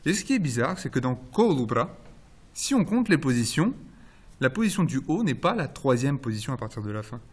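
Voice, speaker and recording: A man giving a recorded university lecture on phonology. He explains step by step, often pausing on fillers and restarting phrases, and slows down to spell out each example. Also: mid-range voice, sing-song, breathy edge.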